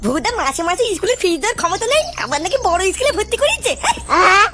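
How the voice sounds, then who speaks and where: A rapid, very high voice bouncing through a crude comic sketch, pitch leaping all over. Music plays clearly underneath the whole time. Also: female voice. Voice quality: high and lively, profane. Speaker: comedy sketch performer. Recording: music playing behind.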